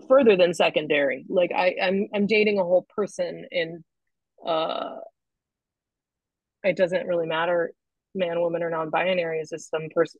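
A woman comedian chatting as a guest on a podcast, animated and laughing at her own jokes. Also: on the low side, no echo. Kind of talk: casual podcast chat. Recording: dull lo-fi podcast audio.

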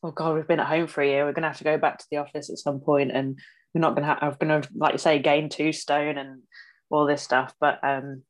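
Low-voiced woman in her twenties, an open podcast guest who trails off. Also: flat delivery, a little fast. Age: 20s. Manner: open and self-deprecating, trailing off often. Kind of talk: casual chat.

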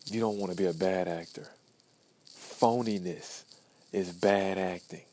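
A man in his early twenties delivers a profane, blunt self-talk pep monologue for a podcast, leaning on repeated phrases. His voice is low and darkish, with slight background noise.

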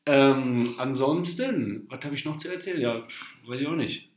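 A man's voice: medium pitch, moderate pace. Rambling laid-back podcast guy. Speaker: podcast co-host. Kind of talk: casual chat. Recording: roomy echo.

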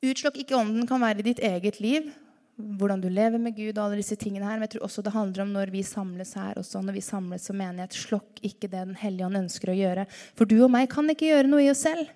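A woman preaching a lively sermon to her congregation, full of rhetorical questions. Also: mid-range voice. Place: church hall. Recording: reverberant church hall.

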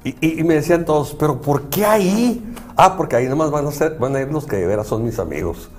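A man's voice: mid-range voice, fast talker, darkish tone, faint music behind. Earnest man explaining. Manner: earnest, explanatory, acts out dialogue. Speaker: psychology professor and guest. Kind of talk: conversational talk show.

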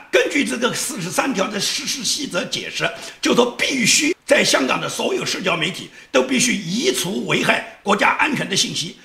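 Male commentator, fast, scornful, sarcastic; high voice with a gravelly edge; echoey room. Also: bright, forceful tone. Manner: laughs mid-sentence while talking. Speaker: political commentator. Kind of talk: political commentary monologue.

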